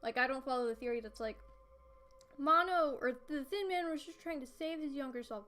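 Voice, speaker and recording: High-pitched and fast-talking, a teen girl livestreams from her bedroom through a streaming desk mic. Her chat is casual and rambling, packed with fillers and giggles, while a game soundtrack plays faintly behind her.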